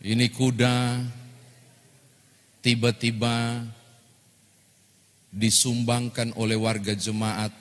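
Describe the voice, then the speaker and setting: A male pastor, giving a lively sermon and joking with the congregation. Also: fairly low pitch. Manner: lively storytelling, jokes with congregation. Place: church hall. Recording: long church-hall reverb.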